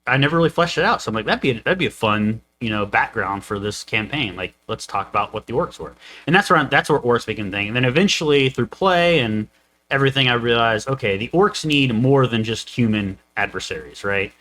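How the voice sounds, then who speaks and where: A man's voice: mid-range voice, lively intonation, fairly quick, sharp tone, poor audio. A young man co-hosting a casual podcast chat, rambling with lots of fillers and restarts. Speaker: co-host, game master.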